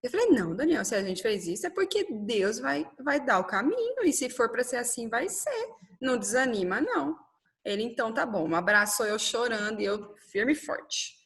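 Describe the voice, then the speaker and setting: Animated woman telling her life story. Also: on the high side, moderate pace. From Brazil. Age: 30s. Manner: animated, quotes dialogue, frequent "né?". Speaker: interviewee. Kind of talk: personal storytelling interview.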